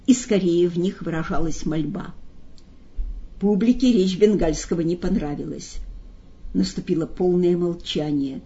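A woman reading a story aloud in a steady, expressive narrating voice. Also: lowish voice. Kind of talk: audiobook narration. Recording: dull lo-fi recording.

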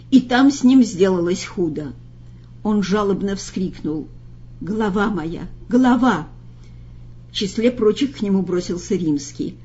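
A woman narrates a story in a steady, expressive way at a middling pitch. The recording sounds a little dull and lo-fi, with the top end muffled. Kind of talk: audiobook narration.

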